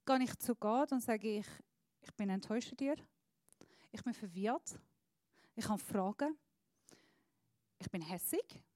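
A woman preacher giving an earnest sermon, often dropping to a soft, low voice. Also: lively intonation, unhurried, long pauses, no echo, clean studio sound.

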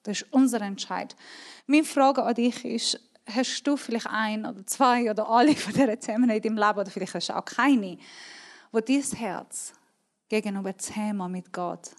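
Woman preacher, Swiss German accent, slightly high voice, earnest and emphatic sermon delivery, repeats key words, sometimes drops to a near whisper. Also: normal speed.

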